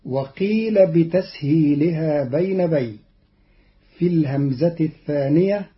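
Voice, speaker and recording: A man giving a scripted radio explanation of Quran readings, in a slow, measured and formal way. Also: a little high. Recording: dull lo-fi archive radio recording.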